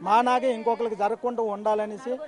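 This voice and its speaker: Grieving family man, very high voice, talks quick. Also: flat delivery, a crowd in the background. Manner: earnest, respectful, says sir often. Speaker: relative of the victim.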